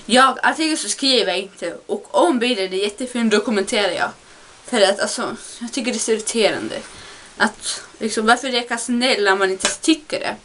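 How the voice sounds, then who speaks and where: A woman's voice: a bit bright, a little hiss or hum. Exasperated young woman ranting at her webcam. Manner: exasperated, mocks others in high voices. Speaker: vlogger. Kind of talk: casual vlog rant.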